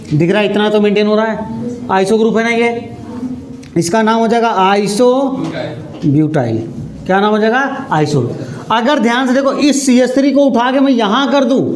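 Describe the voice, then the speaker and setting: Male chemistry teacher, high voice, lectures in an echoey classroom, asks and answers his own questions. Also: a little hiss or hum. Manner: asks questions and answers them himself, repeats key terms; slows down while writing on the board. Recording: echoey room.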